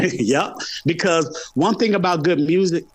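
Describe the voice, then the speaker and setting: A middle-aged man from Atlanta, United States, speaks at a measured pace in a slightly high voice on a dry recording. A hip hop podcaster appearing as a podcast guest, he chats casually in the interview, repeating phrases for emphasis.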